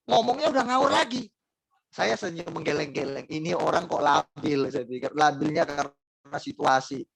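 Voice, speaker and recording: A male pastor with an Indonesian accent delivers a sermon in a gravelly, fry-edged voice. He speaks directly to his congregation, asking rhetorical questions and repeating key phrases. The recording is dry, with no room sound. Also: high-pitched, fairly bright tone, no room sound, low-quality recording.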